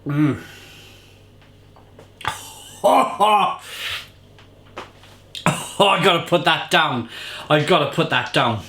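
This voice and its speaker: A man's voice: fairly high pitch, animated, moderate pace, sharp tone. A man giving a casual, effusive beer tasting review, often repeating phrases for emphasis.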